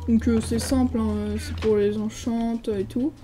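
A woman's voice: on the high side, level tone, unhurried, warm tone, rough recording. A French woman giving a casual, hesitant commentary while touring a game server, reading signs aloud with lots of filler sounds. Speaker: gaming video creator.

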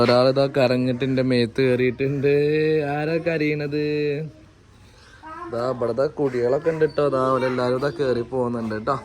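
A chatty family vlogger, a man talking his viewers through the day. His voice sits at a middling pitch, with faint noise behind it. He tosses off joking asides as he goes. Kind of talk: casual running commentary for a family vlog.

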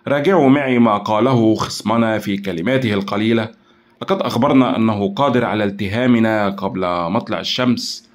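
A man's voice: lowish voice, fairly quick, natural voice. A man voicing a firm, decisive team leader. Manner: firm, decisive, mocking toward the villain. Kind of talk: audio drama acting.

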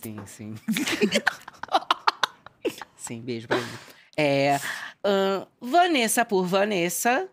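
A woman hosts a comic talk show in a Brazilian Portuguese accent, teasing her guest with campy flair and sudden low deadpan remarks. Her pitch swings widely from line to line. The voice sounds dry and close to the mic. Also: slow, long pauses, dry recording.

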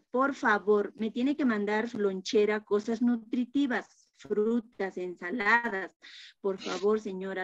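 Woman as a coaxing preschool teacher, slow delivery, dry lo-fi call audio. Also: sits high, no echo, voice pushed up. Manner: coaxing, affectionate endearments. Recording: dull lo-fi video call audio.

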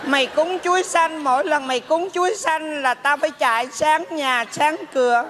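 A man voicing a nagging old mother's ghost in a stage comedy sketch, scolding slowly. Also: very high voice, a bit bright, a little hiss or hum. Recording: stage hall with long reverb.

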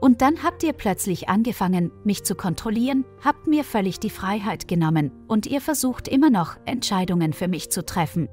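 A woman gives voice to a spoiled adult son lashing out at his parents. The storybook voice stays bitter and accusing, at a middle pitch, with faint music underneath. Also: expressive, moderate pace, hardly any pauses, a little mellow, natural voice. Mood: angry.

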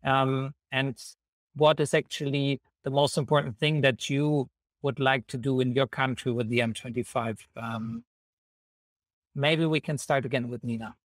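A young man who coordinates volunteers hosts an online panel interview over a video call from an indoor room, speaking haltingly. His mid-range voice keeps a steady tone. Recorded through wired earphones, the sound is dry with no echo.

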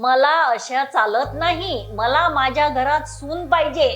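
An actress playing a sharp-tongued middle-aged mother who scolds in a shrill voice. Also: measured pace. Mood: indignant. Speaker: mother of the groom. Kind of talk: web series acting.

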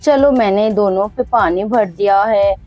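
A woman voicing a caring young wife and mother who speaks briskly and scolds fondly, in a doll story. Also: medium pitch, muffled recording, faint music behind, pitched below the performer's own voice, natural voice. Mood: calm.

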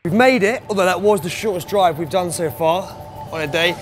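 Speaking briskly in a high-sitting voice, this young travel vlogger from the UK, in his twenties with a British English accent, keeps up casual, jokey, self-deprecating chatter on a lapel mic during a road trip, both outside and in hotels. Music runs beneath him.

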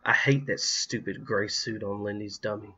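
Man reading as a boastful twin girl, eager bragging tone, bright voice, slightly muffled recording. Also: fairly low pitch, steady tone, moderate pace, slightly rough. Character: boastful, competitive twelve-year-old twin girl.

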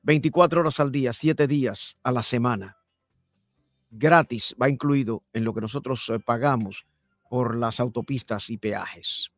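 A man's voice: mid-range voice, measured pace, dry recording, soft background music. An older man hosting a live radio talk show from a studio microphone, emphatic and repeating key phrases. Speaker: radio host. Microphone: studio mic with headphones.

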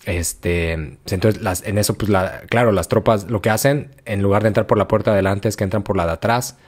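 A man with a Mexican Spanish accent, hosting a podcast and retelling history in a slangy, animated way, full of acted-out quotes. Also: on the low side, brisk, breathy edge. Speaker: podcast host. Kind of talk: casual storytelling chat.

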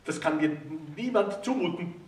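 A man's voice: expressive, normal speed. A man playing an indignant jealous husband. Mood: sanctimonious. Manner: indignant, sanctimonious, rising pitch. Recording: roomy hall, distant mic.

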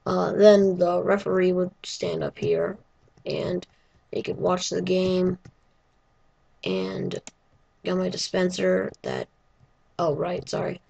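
A woman with a hoarse voice, giving a casual, rambling walkthrough of her game build with lots of hesitant fillers. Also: lowish voice, slow, pauses often, dark tone, muffled recording. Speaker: gaming video creator.

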